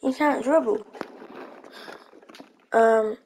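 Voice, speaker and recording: A woman with a slightly raised pitch talks through her gameplay in a casual, meandering way. She hesitates often, filling gaps with ums. Her voice sits over a faint background hum. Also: extremely slow, darkish tone, rough recording. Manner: chatty, hesitant, thinking aloud with frequent ums. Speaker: gaming channel host.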